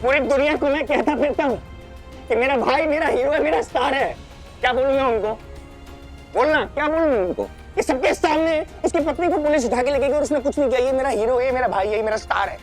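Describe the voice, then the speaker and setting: An actor playing a loving but deeply hurt elder brother who scolds his sibling, pleading one moment and shouting the next. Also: a little fast, faint music behind. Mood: wounded scolding.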